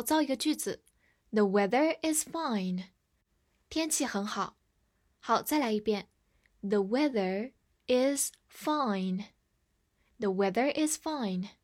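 Slow-paced female English teacher. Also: a little high. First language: Chinese. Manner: spells words letter by letter and reads example sentences very slowly for repetition. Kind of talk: vocabulary lesson, spelling words and reading example sentences slowly.

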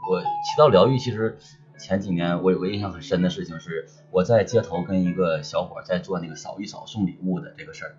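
A middle-aged man with a low voice and a northeastern Chinese accent talks casually and reflectively. He sounds like a livestream guest, and the audio is a bit dull and lo-fi. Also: fast talker, over music.

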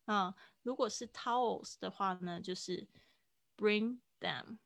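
A woman patiently explains English phrases to students in a live online class. Her voice has a gravelly edge, and the sound is dry and close, with no room behind it. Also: mid-range voice, takes it slowly, a bit bright, no room sound. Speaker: English teacher.

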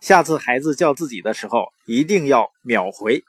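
A young adult man giving parenting advice in an earnest, conversational manner, with anecdotes and drawn-out particles. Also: mid-range voice, lively intonation, breathy edge, dry recording. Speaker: parenting commentator. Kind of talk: informal talk with anecdotes and advice.

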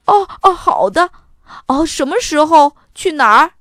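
A woman reading a storybook, voicing an eager young boy who bursts out in loud, excited exclamations. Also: sits high, unhurried, no echo, studio quality, pitched above the performer's own voice.

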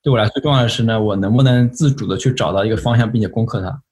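A man's voice: fairly low pitch, rapid-fire, darkish tone. A man from Shanghai, China, a guest on a podcast interview, reflecting at length in casual chat. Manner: reflective, explains at length with many fillers.

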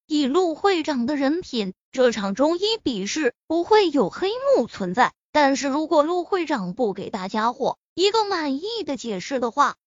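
A woman's voice: sits high, no room sound, highs cut off. A woman reading the lines of a sneering young male rival in an audiobook. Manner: cold mocking tone.

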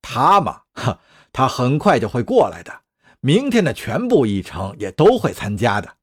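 A man's voice: medium pitch, huge pitch swings, normal speed, husky, pitched below the performer's own voice. Man doing a cornered, furious executive. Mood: smug. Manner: tense, blurting, cursing outbursts.

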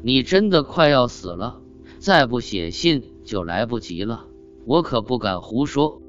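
A man's voice: medium pitch, very animated, a little slow. A man reading a young female fox spirit. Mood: grave. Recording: dull lo-fi audio with faint guitar.

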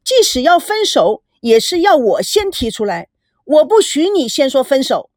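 Young woman, hurt and near tears, high-pitched and loud with it, voiced by a female narrator. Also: very animated, normal speed, no room sound, clean studio sound. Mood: upset, accusing. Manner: loud, tearful, accusing.

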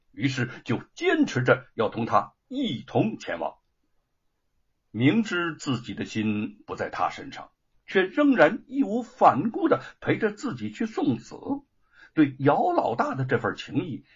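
A male storyteller reads an audiobook with dramatic flair, his voice leaping widely in pitch. He sounds high for a man and quite husky. The recording is dull and lo-fi. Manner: dramatic and expressive.

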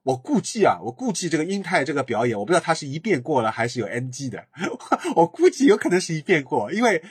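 A man's voice: fairly high pitch, big pitch swings, quick pace, breathy edge, no room sound, studio quality. A man hosting a podcast, chatting enthusiastically through a TV drama review and laughing often. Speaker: podcast host. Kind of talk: casual solo drama review.

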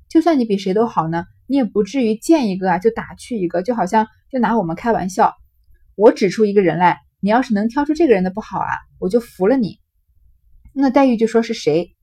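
Husky woman explaining a classic novel. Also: medium pitch, mellow. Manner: explanatory, conversational, with fillers. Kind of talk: reading aloud and retelling a classic novel.

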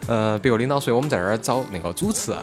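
A man's voice: mid-range voice, expressive, rapid-fire. A man from Sichuan with a Sichuan accent, hosting a casual chat and telling stories in colloquial dialect with rhetorical questions. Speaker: talk show host. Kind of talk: casual chat, reminiscing about local radio and music. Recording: music playing behind the voice. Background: music.

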